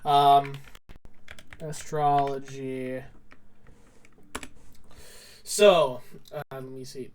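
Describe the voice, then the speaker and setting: A young man with a rather high voice co-hosts a casual podcast. He tells loose, rambling stories, doubling back often and leaning on fillers as he goes. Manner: rambling storytelling full of fillers and self-corrections. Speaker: podcast co-host. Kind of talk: casual chat.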